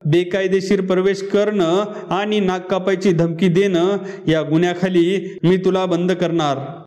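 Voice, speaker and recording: A man putting on a stern, impatient police officer barking questions in a sharp, scolding way. The voice is fairly high for a man. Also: fairly even intonation, measured pace.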